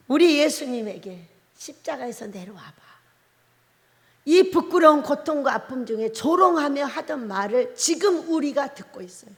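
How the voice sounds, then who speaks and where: A woman's voice: sits high, pushed and bright. A woman pastor from Korea's Jeolla Province preaching a sermon, emphatic and firing rhetorical questions at the congregation. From Jeolla Province, South Korea. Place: prayer retreat chapel. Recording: long reverb of a large hall.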